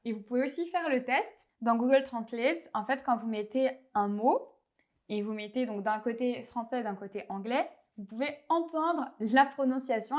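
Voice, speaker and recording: A French teacher from France, a woman with a fairly high voice and a French accent, leads a language lesson. She explains clearly and patiently, slowing down whenever she wants a pronunciation to stand out.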